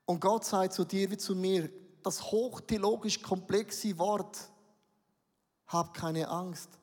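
A man's voice: sits high, steady tone, a little slow, darkish tone. A middle-aged man with a Swiss German accent, preaching a sermon and telling a self-mocking story with humor and acted-out dialogue. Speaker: pastor. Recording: reverberant hall.

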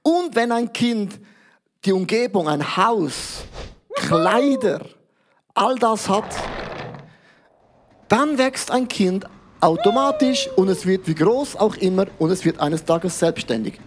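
A man preaching a sermon as pastor, explaining through lively everyday examples and mixing in English words. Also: sits high, slow, long pauses, background noise.

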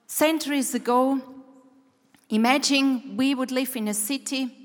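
Slow-paced woman preaching in a reverberant hall. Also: high voice. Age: middle-aged or older. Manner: deliberate, repeats phrases slowly for emphasis. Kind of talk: devotional sermon with guided exercises.

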